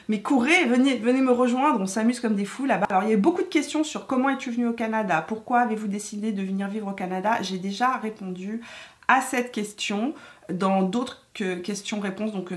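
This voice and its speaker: A woman from France chatting in a get-ready-with-me video, lively and talkative with frequent fillers. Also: mid-range voice. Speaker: beauty YouTuber. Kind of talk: get-ready-with-me chit-chat.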